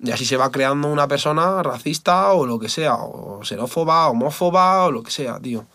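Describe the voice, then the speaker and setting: A man's voice: on the high side, lively intonation, moderate pace, sharp tone, no echo. Man, MMA fighter, candid podcast guest, swears freely, dry recording. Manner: candid and blunt, swears often, says "tío" and "¿sabes?" a lot. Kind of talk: casual interview talk.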